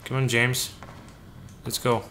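A man's voice: medium pitch, flat delivery, slow pace, sharp tone, a little hiss or hum. A man giving casual gameplay commentary, joking and talking to the game's characters as if they were his crew. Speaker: let's play gamer.

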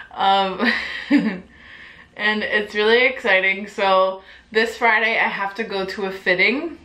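A woman's voice: medium pitch, steady tone, slow pace, pauses often, pushed and bright. A young woman in her twenties chatting casually to camera as a vlogger, giggly and full of filler words and swearing. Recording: echoey room.

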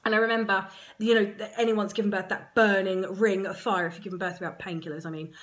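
An Englishwoman telling a personal story to camera in a chatty, frank, self-mocking way, full of quick asides. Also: mid-range voice, level tone, fairly bright tone. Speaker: surrogate mother vlogger.

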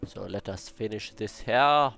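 Young guy mumbling through a game build, low gravelly voice, slow, counts blocks out loud, bits of spanish, faint music behind. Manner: mutters to himself while building, counting and checking; drops in playful Spanish words. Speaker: Minecraft building channel host. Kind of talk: casual gameplay commentary.

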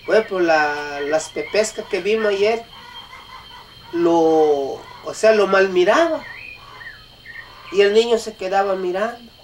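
A man with a Mexican accent telling a folk tale aloud, halting and restarting often. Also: high-pitched, recorded from a distance, slight background noise. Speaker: storyteller. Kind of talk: oral folk storytelling.

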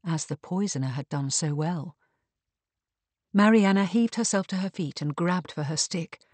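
A man reading a period mystery novel aloud in measured, even audiobook narration. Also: high-pitched, dry recording.

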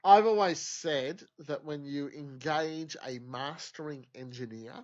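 A man's voice: a little high, unhurried, a little mellow. A man with a nasal voice, a guest on a podcast, talking in a rambling, casual way with lots of fillers. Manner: rambling, frequent "you know" fillers. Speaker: podcast guest, music teacher. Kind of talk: casual chat. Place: home podcast studio. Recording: dull lo-fi studio recording.

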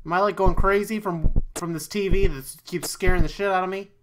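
This high-voiced man is a YouTube let's player narrating a horror game at a fairly quick pace, with noise in the background. He startles easily, swears a lot, and keeps talking himself back down to calm.

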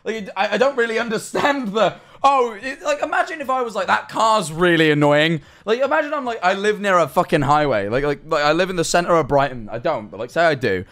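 This young adult streamer talks a little fast and barely pauses, his voice sitting high as he reads and reacts to viewer messages. He's animated and sarcastic, cursing often, from a desk in a small bedroom streaming room on a headset-style studio mic.

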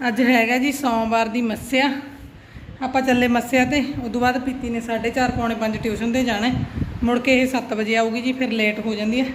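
A woman's voice: a little high, flat delivery, brisk. A middle-aged Punjabi woman chatting casually for a family vlog, with a dramatic, exclamatory auntie-like delivery. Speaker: vlogger. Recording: noisy handheld vlog recording.

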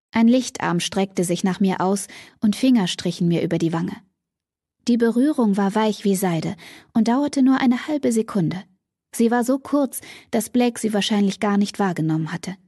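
A woman's voice: mid-range voice, a little mellow, husky, dry recording. Woman narrating a dry fantasy audiobook.

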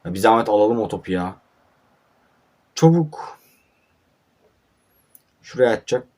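A man's voice: lowish voice, steady tone, very fast, darkish tone. A young man casually commentating his own mobile football match, sleepy and grumbling, with frustrated outbursts at his players. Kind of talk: casual live gameplay commentary. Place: at home at night.

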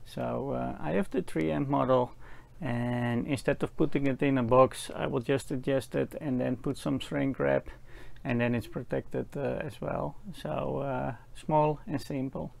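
A man's voice: mid-range voice, fairly even intonation, unhurried, creaky, hardly any pauses, a little mellow. A man in his forties explaining a small electronics job at his workbench in a hesitant, casual way with many filler words. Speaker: electronics hobbyist presenter. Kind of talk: casual workshop tutorial.

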